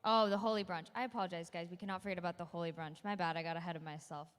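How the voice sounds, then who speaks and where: A woman's voice: fairly low pitch, fairly even intonation, rapid-fire, smooth. A woman co-hosting a gala auction, chatting about each prize in an upbeat way with casual asides. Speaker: gala co-host presenting auction items. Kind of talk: casual emcee presentation. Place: large hall at a school gala. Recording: long hall reverb.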